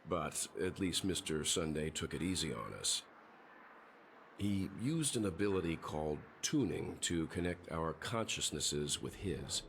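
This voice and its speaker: A man playing a calm, mature mentor in an anime game, explaining things gently and deliberately. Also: extremely low pitch, creaky, a little hiss or hum, exaggerated voice. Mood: reflective.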